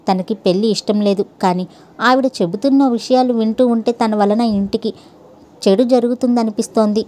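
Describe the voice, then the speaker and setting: A woman storyteller calmly reading a dramatic story in a measured way. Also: on the high side. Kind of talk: scripted story narration.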